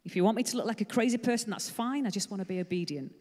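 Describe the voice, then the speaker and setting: A woman's voice: medium pitch, racing, a little mellow, close to an everyday voice. A woman voicing an anxious young man pleading and arguing with God, in a reverberant hall. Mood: exasperated pleading. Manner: pleading, exasperated.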